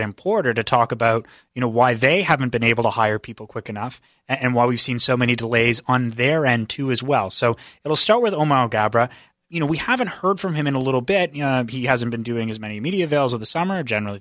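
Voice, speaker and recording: A man, a political news reporter, explaining quickly on a radio show with many fillers. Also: medium pitch, a bit bright, no echo, clean studio sound. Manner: rapid explanatory, filler-heavy. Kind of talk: radio interview guest.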